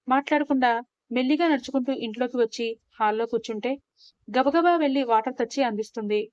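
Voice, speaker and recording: Woman narrating a story, high voice. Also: a little mellow, dry recording, dull audio. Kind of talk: scripted audio story narration.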